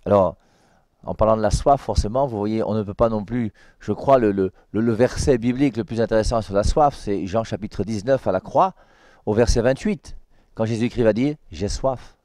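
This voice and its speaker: A man, a priest, giving a conversational Sunday Bible commentary, often adding "hein" and repeating words, and reading scripture slowly and emphatically. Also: lowish voice, a little mellow, no room sound, studio quality.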